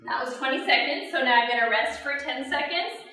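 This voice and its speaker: High-voiced woman coaching a workout. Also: a little fast, bright, forceful tone. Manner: instructive, demonstrating while exercising. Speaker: fitness instructor. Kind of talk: workout demonstration. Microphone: camera at a distance. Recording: echoey room from far off, noisy.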